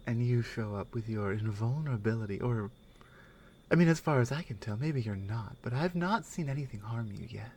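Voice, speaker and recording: Here a woman, in a full character voice, is a strong, wry, skeptical Nordic warrior companion in a soft, intimate ASMR roleplay. Her bass voice is expressive and husky, and she muses with pauses and murmured asides. She sounds concerned as well as wry.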